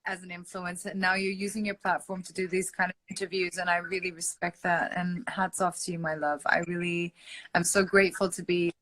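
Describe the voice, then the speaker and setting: A woman singer originally from Iran talks casually as an interview guest on an online call. Her voice is bright and forward. She speaks in an effusive, affectionate way, scattering "like" and "um" through her answers. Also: fairly low pitch, level tone, fairly quick, rough recording. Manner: effusive and affectionate, with many "like" and "um" fillers.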